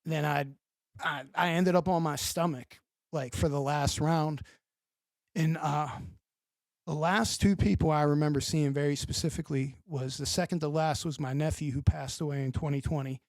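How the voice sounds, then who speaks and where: Pittsburgh man, gravelly and dry-miked, animated profane storyteller. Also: a little high, moderate pace, dry recording. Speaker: podcast guest. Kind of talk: casual storytelling.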